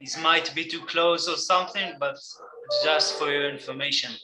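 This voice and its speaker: Bright-voiced man moderating a webinar. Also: a little high, fairly quick, faint music behind. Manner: polite, brief. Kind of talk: online meeting chat.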